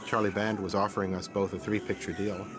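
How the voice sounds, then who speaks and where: A man in a retrospective interview, telling stories in a relaxed, reflective way. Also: low-pitched, a little fast, music in the background. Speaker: director interviewee.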